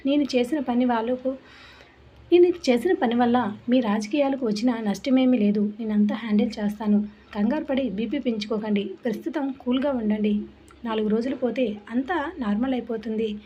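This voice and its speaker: A woman's voice: a little high, close to an everyday voice. Woman voicing an arrogant young husband. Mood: defiant. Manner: slow, calm and unyielding. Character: proud, arrogant young husband, calm and defiant. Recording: muffled lo-fi with faint hiss.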